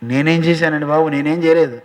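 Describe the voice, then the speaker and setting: A man's voice: on the high side, fairly even intonation, fairly quick, darkish tone, natural voice. A man voicing a startled, protective village mother who asks puzzled questions, in a told story. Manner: exclaiming, bewildered questions. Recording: long hall reverb.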